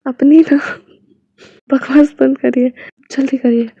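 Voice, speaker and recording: A playful young lover in a romance storybook, read by a woman, teasing and cheeky. The voice sits high with some gravel, in a dry, dull recording. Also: steady tone, slow pace, no echo, full character voice.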